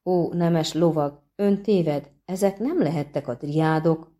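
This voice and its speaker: A woman's voice: low voice, mellow, lightly acted. Woman doing a little girl, shaky earnest voice, storybook reading. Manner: trembling, earnest. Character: small trembling girl, bright and earnest.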